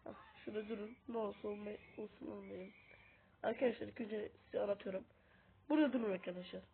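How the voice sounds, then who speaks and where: A woman's voice: mid-range voice, fairly even intonation, fast, gravelly. A woman who is sick, chatting casually to her viewers as she plays and teaches a mobile game, speaking into a tablet's mic. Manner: chatty, keeps calling out to viewers as friends. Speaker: gaming video host. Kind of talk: casual gameplay commentary. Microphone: tablet's built-in mic. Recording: tinny lo-fi tablet audio with faint hiss.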